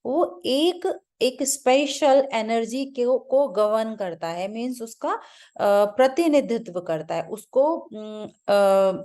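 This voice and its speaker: A woman's voice: mid-range voice, mellow. A woman speaking as a meditation teacher in a spiritual talk, searching for her words with many restarts and mixing in English terms. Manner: loose, searching, with frequent restarts and fillers.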